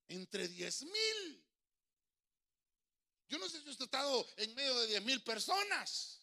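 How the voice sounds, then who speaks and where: A man's voice: high voice, gravelly, pushed and bright. A middle-aged male pastor preaching, breaking into sung choruses and calling his listeners brother. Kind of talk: lively sermon with singing. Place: church.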